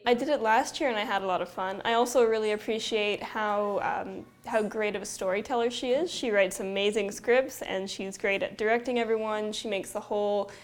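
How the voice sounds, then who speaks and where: Mid-pitched woman chatting in interview. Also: steady tone, brisk, hardly any pauses. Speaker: volunteer actor. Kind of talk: informal interview.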